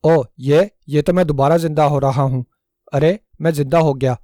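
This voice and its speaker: A man's voice: on the high side, steady tone, dark tone, no room sound, clean studio sound, natural voice. A man voicing a cunning male trickster who pleads theatrically and plays at dying, in a storybook reading. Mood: sly pleading. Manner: pleading, theatrical self-pity.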